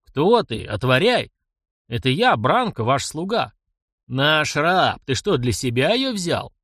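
Cruel cocky young nomad prince yelling threats and insults, lively swinging voice , as a male audiobook reader puts him on. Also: a little high, takes it slowly, no echo, studio quality, exaggerated voice. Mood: furious. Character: arrogant young nomad warlord's son, cruel and lustful.

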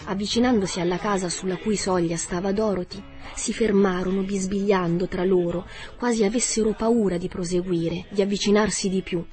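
A woman narrating a children's novel in a measured, even storytelling manner. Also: medium pitch, over music. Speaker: audiobook narrator. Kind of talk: scripted narration.

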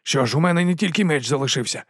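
A man's voice: lively intonation, fast talker, dry recording, clean studio sound. A man voicing a panicking, power-mad male palace secretary who rants shrilly. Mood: gloating. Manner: shrill, ranting, triumphant.

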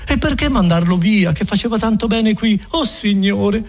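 A man voicing an anxious older peasant woman, pleading and close to tears, with a husky voice. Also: sits high, animated, moderate pace, pitched above the performer's own voice. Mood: distressed.

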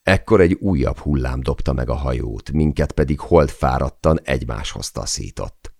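A man reading an adventure memoir aloud as an audiobook narrator, in measured, dramatic storytelling. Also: very deep voice, lively intonation, gravelly, a little mellow, no room sound, clean studio sound.

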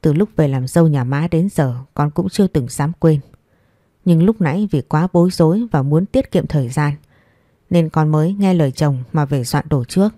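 Woman doing a polite young daughter-in-law, low mellow voice, measured and firm. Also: no room sound, clean studio sound.

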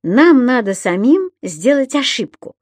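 A woman voicing a cheeky magical creature who explains things in a lively, knowing way. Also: on the high side, a little slow, no echo, studio quality, pitched above the performer's own voice. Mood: playful.

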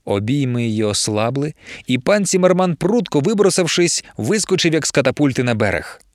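A man reading a novel aloud as an audiobook narrator, expressive storytelling. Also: mid-range voice, brisk, no echo, studio quality. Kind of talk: scripted narration.

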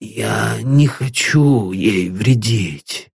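A man's voice: fairly low pitch, very slow, gravelly, slightly rough, dry recording, studio quality, exaggerated voice. A man reading an audiobook and voicing an elderly, guilt-ridden father who swings between ranting and weak, faltering speech.

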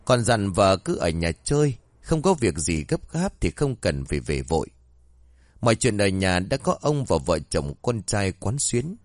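Expressive male storyteller. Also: mid-range voice, no echo. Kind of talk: scripted horror story narration.

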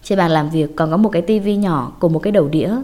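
Casting: female late-night radio DJ type for ghost story narration, low register, dark soft tone. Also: fast talker. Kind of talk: late-night radio host manner, scripted audiobook narration.

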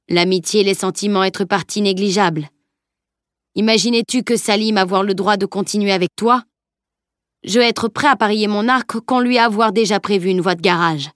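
A woman's voice: medium pitch, no echo, studio quality, natural voice. A woman voicing a blunt, wry male archer who talks in broken grammar.

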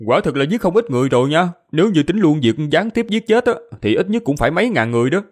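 A man's voice: fairly high pitch, fast talker, voice pushed up. A man voicing an easygoing, boastful young male hero who brags casually. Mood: casual bragging. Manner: lively, casual bragging.

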